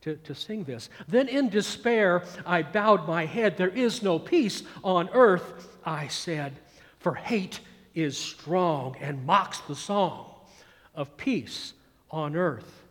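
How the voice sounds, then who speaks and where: Slow and expressive, this high, slightly bright voice belongs to a Georgia-accented pastor in his sixties from the American South, preaching with a long reverb tail. He emphatically repeats phrases and recites verse as his volume swells.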